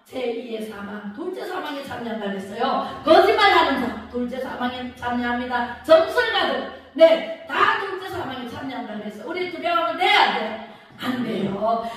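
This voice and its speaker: Echoey high-voiced woman pastor preaching. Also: expressive, moderate pace, a bit bright. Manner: preaching with dramatic quoted voices and questions to the congregation. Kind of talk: sermon. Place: church sanctuary. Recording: echoey church hall from far off.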